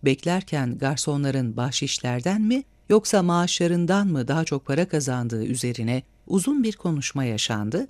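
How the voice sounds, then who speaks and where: A man reading a novel aloud as an audiobook narrator, with measured, expressive storytelling. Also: fairly high pitch, dry recording. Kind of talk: scripted narration.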